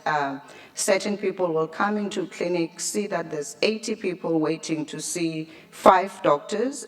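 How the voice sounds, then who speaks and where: A South African woman, a liver clinic doctor, answering a conference question with hesitant restarts and fillers. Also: deep voice. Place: conference room.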